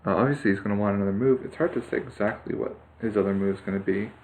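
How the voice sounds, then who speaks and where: Talking fast in a fairly low, slightly mellow voice, a man thinks aloud while playing Go, offering casual live commentary full of fillers and false starts. His computer mic on the screen capture picks up slight background noise.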